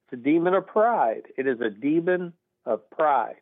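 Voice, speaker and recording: A middle-aged man from Texas with a slightly high voice and lively intonation calls a radio talk show, speaking at a moderate pace. He's earnest, emphatic, and rambling, heard over a tinny, dry telephone line.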